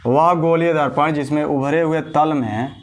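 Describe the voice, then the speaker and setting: A man's voice: a little high, steady tone, normal speed, slight background noise. A man teaching a physics lesson, drilling a definition step by step and answering his own questions. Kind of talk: classroom lecture.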